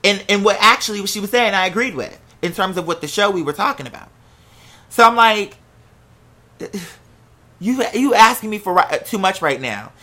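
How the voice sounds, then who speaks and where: Here's someone relaying personal drama to listeners in an easygoing way, speaking at an ordinary pace with an American accent. Their bright, forceful voice rests in the middle register, and the candid, animated telling is full of curse words and acted-out quotes.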